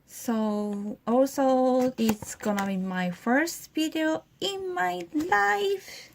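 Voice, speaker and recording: A Japanese woman who speaks English with a Japanese accent as a second language, talking in a shy, halting way in a casual vlog, partly in a convenience store. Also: high voice, gravelly, a little hiss or hum. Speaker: guest vlogger.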